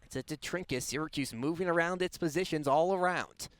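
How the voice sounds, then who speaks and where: Brisk and a bit bright, this fairly high male voice belongs to a young play-by-play announcer on live radio, describing the game in short, clipped bursts. There's no room sound at all.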